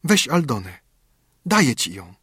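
A man voicing a gentle, excited little girl who speaks quickly and tenderly, with a husky voice. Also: mid-range voice, dry recording, clean studio sound, pitched above the performer's own voice, exaggerated voice. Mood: eager. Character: sweet excited little girl gifting her doll.

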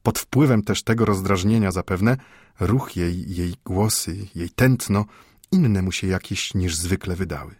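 Low, husky male audiobook narrator. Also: unhurried, a little mellow, dry recording. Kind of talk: scripted literary narration. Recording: dry close studio sound.

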